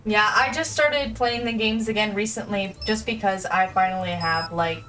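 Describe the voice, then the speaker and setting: Woman streamer rambling over a game, sounds far from the mic, game music loud. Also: medium pitch. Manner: halting, with many fillers and restarts. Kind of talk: casual gameplay chat.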